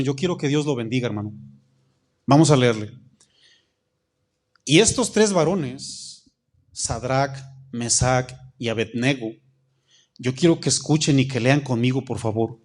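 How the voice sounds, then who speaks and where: A man, a pastor preaching a sermon, reading scripture slowly and calling out questions to the congregation. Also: mid-range voice, animated. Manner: reads scripture slowly, stretching key phrases.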